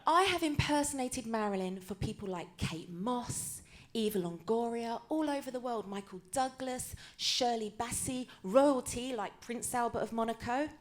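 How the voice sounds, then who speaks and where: A woman's voice: on the high side, normal speed. A woman, a comedian, telling stories in a chatty, self-mocking way in a live stand-up show. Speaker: comedian and impersonator.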